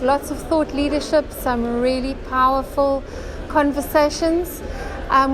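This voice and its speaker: High, polished woman, crowd around. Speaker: business school partner representative. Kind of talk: upbeat event testimonial. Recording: crowd chatter behind.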